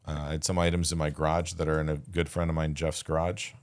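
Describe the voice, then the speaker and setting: A man with a very low voice, talking as a podcast guest. He tells his story loosely, with restarts and quoted back-and-forth. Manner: relaxed, halting retelling with restarts and quoted dialogue. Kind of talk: casual storytelling.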